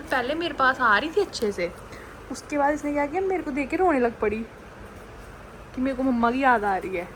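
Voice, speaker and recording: A woman's voice: on the high side, fairly bright tone, a little hiss or hum, poor audio. A young woman vlogging at home, chatting to the camera and teasing a baby in sing-song baby talk. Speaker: family vlogger. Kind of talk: casual home vlog chat.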